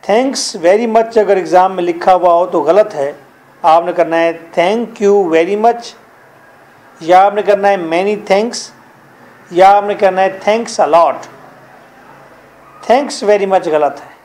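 Pakistani male grammar teacher, high voice, unhurried delivery, quizzes the class as he goes. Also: a little mellow. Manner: drills rules, quizzes students.

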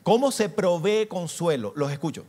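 A man with a fairly high voice gives an interactive church teaching, firing questions at the congregation. He moves from bold, rising calls down to soft, tender passages as he acts out little scenes. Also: sing-song, moderate pace. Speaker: pastor.

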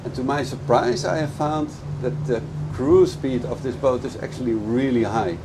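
A man's voice: mid-range voice, normal speed. A middle-aged man, a boat dealer, gives an enthusiastic, explanatory walkthrough of a boat aboard a moving motorboat. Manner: enthusiastic, explanatory, speaks over engine noise. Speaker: boat dealer giving a product review. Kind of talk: casual product walkthrough. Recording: loud engine and wind noise. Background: boat engine and water noise.

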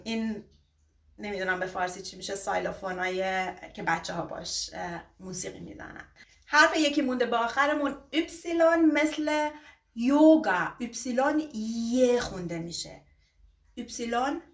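Woman teaching, echoey and distant. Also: on the high side. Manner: slow, drawn-out example words, quick asides. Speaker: German teacher. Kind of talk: beginner alphabet lesson. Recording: roomy echo, distant from mic.

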